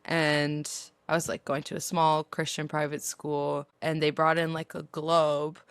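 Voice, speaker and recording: Young woman guest, giggly animated storyteller, lowish pitch, dry recording. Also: unhurried, clear, resonant tone, dry recording. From grew up in Qatar. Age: young adult. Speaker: podcast guest. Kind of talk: casual chat.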